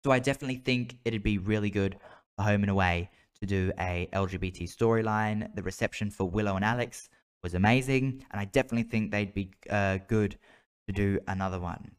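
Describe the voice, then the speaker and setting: Brisk and smooth, the lowish voice belongs to an Australian podcast host. He gives a casual, informal solo chat about a TV soap.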